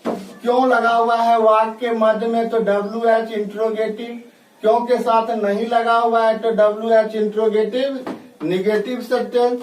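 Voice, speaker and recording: A man teaching a grammar lesson, asking rhetorical questions and dictating example sentences slowly, word by word. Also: very high voice, flat delivery. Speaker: English teacher. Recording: echoey room, voice from a distance, faint noise.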